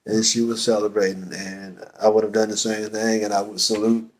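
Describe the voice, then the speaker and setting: Teasing dad, low voice. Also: male voice, flat delivery. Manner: joking, teasing, halting restarts. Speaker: father, podcast guest. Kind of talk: casual chat.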